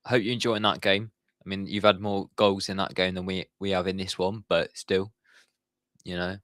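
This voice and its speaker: A young man streams a football watchalong, giving live commentary and chatting with viewers in his chat. His deep voice is fairly bright with a level tone at normal speed. The audio is studio quality with no room sound.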